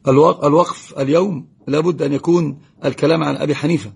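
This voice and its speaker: A man runs a live religious lesson, reading viewer questions and answering them at a rapid clip. His voice is heavily gravelly and rough, never smooth. He greets and blesses viewers by name between answers. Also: on the high side, fairly even intonation, darkish tone. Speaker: religious teacher.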